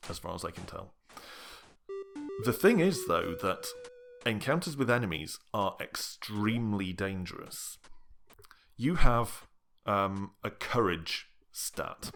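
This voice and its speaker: A man narrating a casual game review in a measured, explanatory way, often pausing with "um". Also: sits low, gravelly, a bit bright, a little hiss or hum. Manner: measured, explanatory, with frequent ums.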